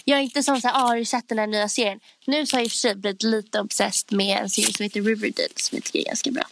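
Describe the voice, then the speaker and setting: A young woman co-hosting a podcast in casual chat, talking loudly and acting out voices in quotes. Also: medium pitch, fairly even intonation, creaky, noisy background. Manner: chatty, acts out voices in quotes; talks loudly by habit. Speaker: podcast co-host.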